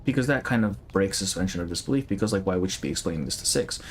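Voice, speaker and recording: A man's voice: low-pitched, animated, very fast, soft background music. Casual young male game streamer. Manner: casual, chatty, laughing. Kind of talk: live gameplay commentary.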